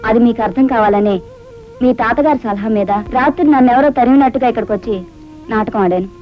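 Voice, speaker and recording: An actress plays an earnest young woman who explains herself calmly, her voice a little high. The dull film soundtrack has music behind her. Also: fast, close to an everyday voice. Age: young adult.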